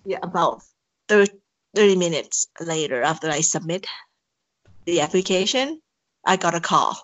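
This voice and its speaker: Speaking accented English, a woman from Thailand answers casual interview questions haltingly, full of fillers and restarts. Her lowish, somewhat bright voice is animated at a moderate pace, captured in a dry, lo-fi recording.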